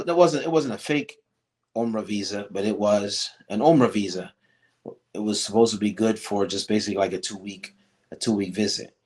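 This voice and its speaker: Middle-aged man telling a rambling story. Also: fairly low pitch. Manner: rambling, many restarts and fillers, animated when quoting others. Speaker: guest. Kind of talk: storytelling in a casual interview.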